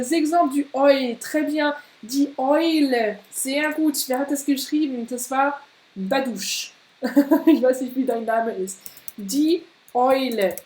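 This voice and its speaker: A woman teaching German in a live online lesson, saying German words slowly and clearly and reading out viewers' comments. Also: high-pitched, darkish tone, roomy sound, poor audio. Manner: switches between French and slow, clearly spoken German, reading viewers' comments.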